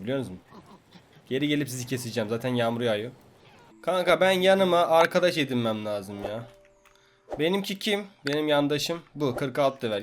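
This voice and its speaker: A young man with a fairly high voice giving casual gaming commentary. He taunts and bosses the creatures on screen in brash, slangy talk. A faint hiss of noise sits behind his voice. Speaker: gameplay commentator.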